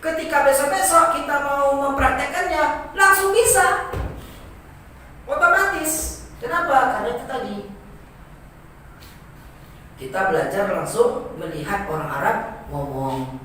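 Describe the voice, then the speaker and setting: A man's voice: very high voice, measured pace, long pauses, bright, forceful tone. A man teaching an Arabic class in a joking way, often laughing and mimicking students' broken Arabic. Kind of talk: informal classroom lecture. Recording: very echoey room, voice far from mic, faint noise.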